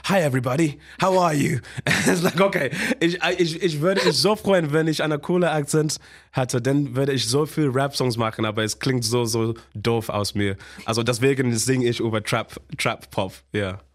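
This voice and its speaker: On a casual radio interview, a musician from Zimbabwe with an English accent speaks halting German mixed with English. His medium-pitched voice is animated, and he laughs often.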